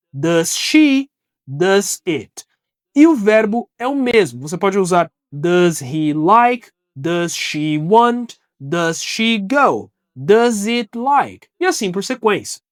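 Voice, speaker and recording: A woman with a Brazilian Portuguese accent teaches an English lesson to the camera, her fairly high voice swinging up and down with expression. She talks at an unhurried pace and stretches out each English example so it comes through clearly. The recording is dry, with no room sound. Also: no room sound. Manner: patient, explains in simple steps, says English examples slowly and clearly. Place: video recording with an editor behind the camera.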